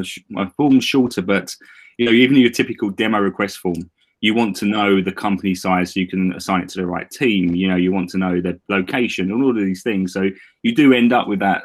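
Fast-talking Essex man hosting a podcast. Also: lowish voice. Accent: Essex, London. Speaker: podcast host. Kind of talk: casual podcast interview.

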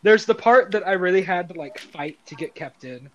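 A fairly high-voiced young man in a casual podcast chat, talking in halting bursts full of restarts and jokes. Clear crowd chatter sits behind him. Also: animated, muffled recording. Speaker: podcast co-host and songwriter.

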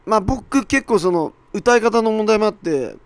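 Hoarse, raspy man hosting a podcast. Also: high voice, lively intonation, moderate pace, no echo. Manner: self-deprecating, apologetic, with mock-quoted asides. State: hoarse, worn-out voice from shouting at an event. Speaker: podcast host. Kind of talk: casual solo podcast monologue.

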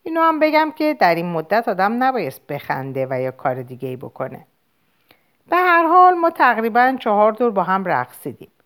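A woman reading a novel aloud in first person, in an expressive, conversational storytelling manner. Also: mid-range voice. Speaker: audiobook reader. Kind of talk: audiobook narration in first person.

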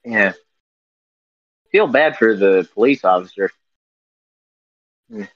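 A man co-hosting a casual podcast over a video call, reading out news headlines in a halting way full of fillers and self-corrections while his audio breaks up. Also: fairly low pitch, lively intonation, dry recording. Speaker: podcast co-host. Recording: dull, muffled call audio.

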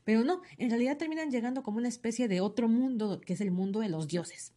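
A woman's voice: fairly high pitch, fast talker. Chatty woman reviewing comics. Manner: chatty, opinionated, animated asides. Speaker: podcast host reviewing comics. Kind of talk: casual chat.

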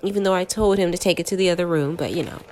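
A woman's voice: fairly low pitch, very fast, darkish tone. A woman with a congested, stuffy-nosed voice from a cold, hosting a casual, chatty horror movie review full of conversational filler words. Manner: chatty, conversational, frequent "like" and "you know". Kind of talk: casual solo review chat.

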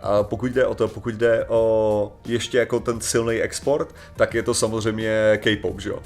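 Muž, spolumoderátor podcastu, v uvolněném rozhovoru obšírně a živě vysvětluje. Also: male voice, on the low side, level tone, soft background music. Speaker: podcast co-host. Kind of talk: casual chat.

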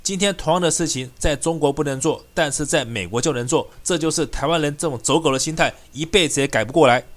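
A man hosting a political commentary show, delivering a combative, scornful opinion monologue. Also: on the high side. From Taiwan. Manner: combative, scornful, rapid ranting.

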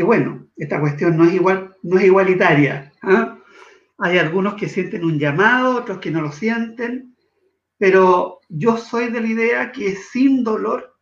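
A man from Chile, a guest in an interview, speaking in an earnest, measured way that slows for emphasis. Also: high voice, echoey room, lo-fi sound. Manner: earnest, measured, shifts between slow emphasis and quick asides. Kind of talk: reflective interview talk.

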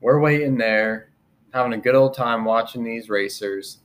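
A man's voice: mid-range voice, moderate pace. A man co-hosting a podcast, telling a story in casual chat and acting out what people said. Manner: animated storytelling, acting out quotes. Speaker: podcast co-host.

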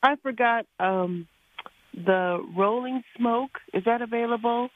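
A woman's voice: on the high side, fairly even intonation, slow pace, no room sound. A woman calling in to a radio shopping show, polite and brief as she places her order. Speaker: caller. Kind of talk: phone call to a radio show. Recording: tinny phone line.

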